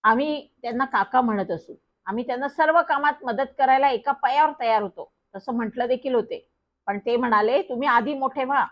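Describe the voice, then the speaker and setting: A woman narrating a children's story in a lively first-person manner. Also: fairly high pitch, fairly quick. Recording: dull lo-fi recording.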